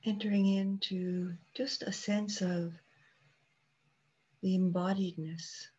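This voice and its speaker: A female meditation instructor, medium in pitch and slightly rough, guides listeners calmly and without hurry. Long pauses sit between her short phrases, and the recording's highs are cut off.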